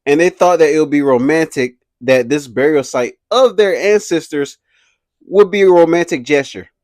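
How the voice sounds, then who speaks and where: A young man hosting a casual commentary video, animated and slangy, laughing often as he talks. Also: on the high side, moderate pace, no room sound. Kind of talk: casual pop-culture commentary.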